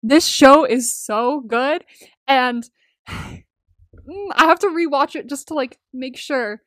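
A young woman co-hosting a podcast, chatting casually and excitably, gushing, swearing freely and rambling with lots of "like". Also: high voice, slow pace, no room sound, clean studio sound. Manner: rambling, peppered with "like". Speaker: podcast co-host. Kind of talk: casual chat about a TV series.

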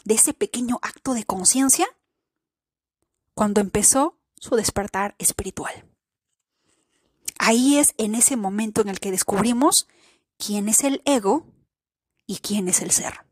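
A woman's voice: on the high side, measured pace, long pauses, darkish tone, husky, no room sound, clean studio sound. A woman hosting a spiritual self-help podcast, speaking earnestly and posing many rhetorical questions to the listener. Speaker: podcast host. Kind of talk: reflective spiritual podcast talk.

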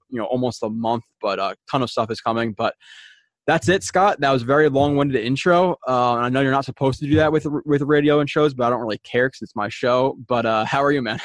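A man's voice: medium pitch, quick pace, dry recording. A young man hosting a sports podcast in a casual, rambling, informal and mildly salty way. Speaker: podcast host.

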